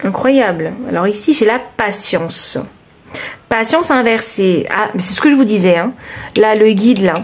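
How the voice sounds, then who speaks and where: A woman giving a chatty, expressive tarot reading, talking straight to her listeners and exclaiming over the cards. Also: medium pitch, normal speed, a little hiss or hum. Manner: addresses listeners directly. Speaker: tarot card reader. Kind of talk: informal tarot reading to camera.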